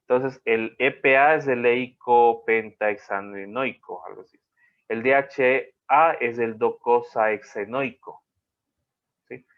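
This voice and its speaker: A man's voice: mid-range voice, slow pace. A man teaching an online class in a rambling way, often checking in with his students. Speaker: college teacher. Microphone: video call. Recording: dull lo-fi video call audio.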